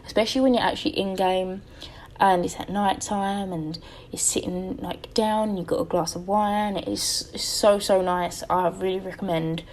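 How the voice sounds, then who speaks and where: A young woman who makes game-building YouTube videos gives a rambling, casual voice-over about her building project. Her lowish, slightly mellow voice sounds tired and a little crackly, and she often corrects herself and fills gaps with "um".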